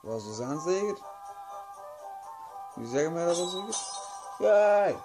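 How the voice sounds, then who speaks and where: A man's voice: a little high, sing-song, measured pace. A drowsy young adult man giving casual gameplay commentary, rambling and muttering to himself with some swearing. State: tired, drowsy. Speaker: gaming video host. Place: small room at home. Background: game music.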